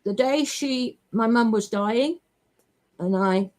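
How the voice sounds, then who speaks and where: A woman's voice: a little high, slow pace, a little mellow. A woman in a rambling, emotional personal monologue, swearing freely as she talks.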